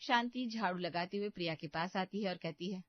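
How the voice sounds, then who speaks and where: A woman's voice: on the low side, brisk, no echo, lo-fi sound. A woman narrating a scripted cartoon story in a plain, matter-of-fact way.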